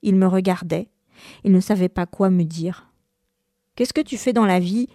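A woman reads a first-person novel aloud with a mellow, warm tone. Her delivery is measured and expressive, and the sound is dry and close, with no room around it. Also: mid-range voice, dry recording. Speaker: reader.

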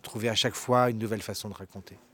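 A man's voice: lowish voice, fairly even intonation, very fast, sharp tone. A man who is a storyteller and co-director of a theatre company, answering an interview casually with many hesitations and repeated words.

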